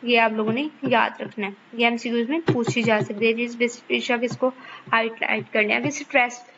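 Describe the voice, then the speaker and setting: A woman teaches her class in a fairly high voice. She walks patiently through each point and keeps pausing to make sure the students follow. The recording is muffled and lo-fi, with a faint hiss behind it. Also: fairly even intonation, fairly bright tone. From Pakistan. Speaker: online course teacher. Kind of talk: explanatory lecture to students.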